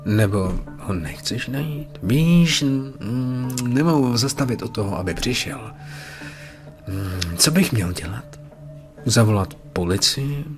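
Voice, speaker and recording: A man voicing a terrified male prisoner locked in the dark, pleading and panicky. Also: medium pitch, animated, soft background music, close to an everyday voice. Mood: anxious.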